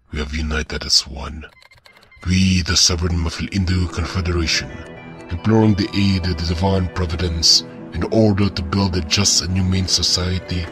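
A man speaking through a voice changer, playing the stately leader of a united island nation in a solemn, declamatory formal address. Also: low voice.

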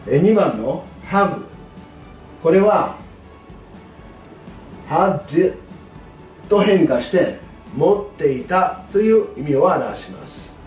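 A man tutoring exam students in English grammar, patient and clear, stressing key words with a rise in pitch. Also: expressive, drawn-out words, long pauses, a little mellow, far from the mic. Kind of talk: lesson explaining grammar. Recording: echoey room, voice away from mic, faint music.

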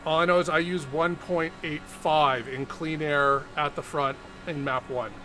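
A man's voice: fairly high pitch, steady tone, unhurried, over music. A middle-aged man chatting casually on a headset as he drives in a racing game. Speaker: sim racing streamer and driver. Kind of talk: casual chat while racing. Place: indoor home sim racing rig. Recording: clear engine noise behind voice. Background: racing game engine noise.

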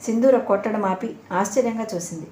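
A woman narrating an audio novel in a steady storytelling manner. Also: mid-range voice, a little fast. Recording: echoey room, faint hiss.

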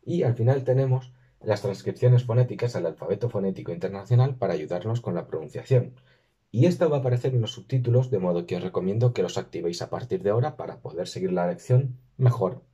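A man talks through a screen-recorded lesson. His voice is low and husky. He slows down to sound out each word with care, and the recording is dull and lo-fi. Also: animated, mellow. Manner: careful, slows and stresses words when modelling pronunciation. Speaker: language teacher.

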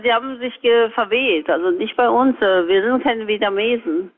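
High-voiced man on a tinny phone line. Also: normal speed. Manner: puzzled, polite, hesitant. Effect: heard over a phone line. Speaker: restaurant staff taking a call. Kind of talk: phone conversation.

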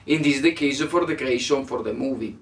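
A man's voice: mid-range voice, a little fast, gravelly, distant mic, a little hiss or hum. A young man speaking broken, searching English as a second language, as a volunteer interviewed indoors by a fireplace. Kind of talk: halting interview answers. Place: living room by a fireplace.

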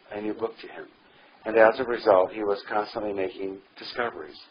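A man reading a devotional book aloud in earnest, measured scripted narration that swells on key phrases. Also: on the low side, muffled recording. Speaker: audiobook reader.

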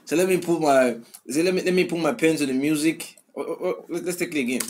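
With a song playing in the background, a young man reacts to the music in a small room, echoing lyrics back in casual speech packed with fillers and restarts. His voice is a little high and fast, and the recording is very noisy.

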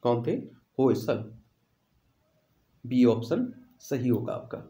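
A man walks through exam questions in an instructional style, repeating both questions and answers for emphasis. His medium-pitched voice is warm and slow, and the room sound is echoey.

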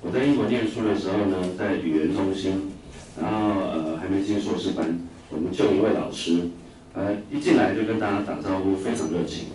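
A Taiwanese man with a low, fairly quick, dark-toned voice teaches English vocabulary to a class. He's chatty, using lots of filler sounds and questions to the students, and tells anecdotes through the lecture. The noisy, echoey classroom is captured by a distant mic.

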